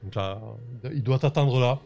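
A man's voice: medium pitch, measured pace, a little mellow, slight background noise. A man narrating a tabletop game as game master over an online voice call, hesitant and full of fillers and restarts.

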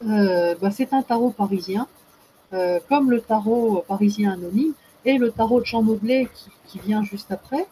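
A woman with a mellow, relaxed voice explains at length as a guest expert. She hesitates a lot, filling gaps and restarting her sentences. A faint noise sits under the recording. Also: mid-range voice, moderate pace, poor audio. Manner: hesitant, many fillers and restarts. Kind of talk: casual explanatory talk.

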